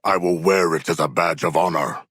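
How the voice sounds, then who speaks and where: A man's voice: sits low, fairly even intonation, brisk, a bit bright, breathy edge, no room sound, clean studio sound. A man playing a huge humanoid shark warrior in a video game, earnest and literal-minded, with formal, stilted, grandiose diction and a battle-hungry pride. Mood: proud, formal. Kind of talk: video game character voice lines.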